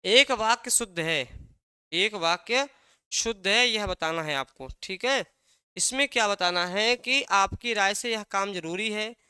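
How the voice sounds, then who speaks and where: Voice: medium pitch, unhurried, bright, forceful tone, smooth, no echo, studio quality. A teacher giving an exam-prep language lesson, asking a question and then answering it, repeating key words again and again.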